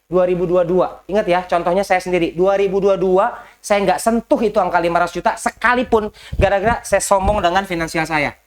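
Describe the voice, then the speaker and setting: Lively man coaching a group indoors. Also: high voice, brisk, smooth. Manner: lively, talks straight to the audience with rhetorical questions; mixes English business phrases into his talk. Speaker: business coach. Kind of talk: motivational coaching talk. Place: indoor session in a house.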